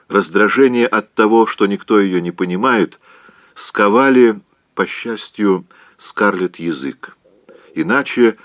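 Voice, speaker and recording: Deep-voiced male audiobook narrator. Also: fairly bright tone, no echo. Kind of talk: scripted narration.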